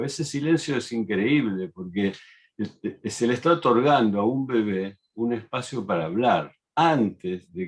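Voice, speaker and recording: A middle-aged man. He speaks as a panelist in a measured, explanatory manner and often pauses on fillers as he builds a point. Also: lowish voice. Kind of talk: reflective talk.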